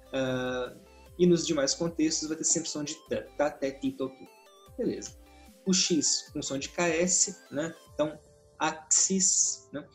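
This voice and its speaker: A man teaching a Latin pronunciation lesson in a relaxed, conversational way, often checking in with his listeners. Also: medium pitch. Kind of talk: casual explanatory lesson.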